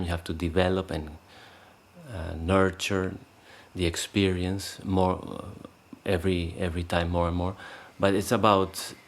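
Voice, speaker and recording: A man leading a guided meditation, speaking calmly and unhurriedly with many pauses, fillers and restarts. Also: low voice. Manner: calm, unhurried, pausing often with fillers and restarts. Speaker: meditation teacher. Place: meditation space in Costa Rica.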